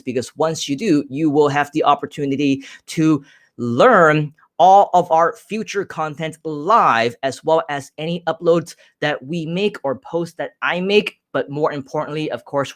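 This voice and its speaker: A man's voice: a little high, no room sound. Upbeat man hosting a dry live stream. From Hong Kong. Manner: upbeat, direct, many "uh" fillers.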